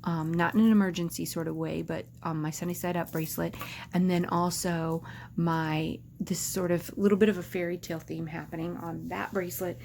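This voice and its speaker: A woman's voice: lowish voice, little pitch movement, fairly quick, vocal fry, darkish tone, slight background noise. A woman vlogging casually to camera, rambling and hesitant, with lots of filler words and restarts.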